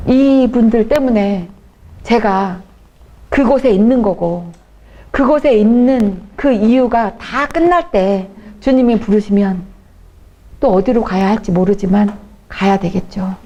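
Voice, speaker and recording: A woman evangelist giving a testimony talk at a church event. She tells her stories in an animated way, acting out the people she quotes, and slows to a soft, earnest tone for her main points. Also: medium pitch, dull audio.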